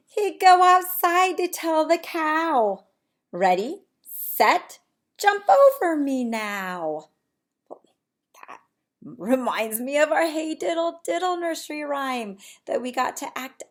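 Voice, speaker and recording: A woman who teaches preschool reads a picture book aloud with expressive, sing-song delivery, regularly asking the young children questions. Her voice is high.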